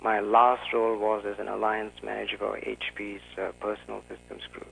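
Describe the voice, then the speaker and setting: A man from Singapore, a guest author, answering calmly and a bit formally in an interview. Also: lowish voice, a little fast, vocal fry, a little hiss or hum, low-quality recording. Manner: calm, careful and formal. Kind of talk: conversational interview.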